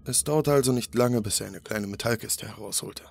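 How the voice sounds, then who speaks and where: A man narrating a scripted horror story in a steady, grave storytelling manner. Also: on the low side, brisk, vocal fry. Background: faint music.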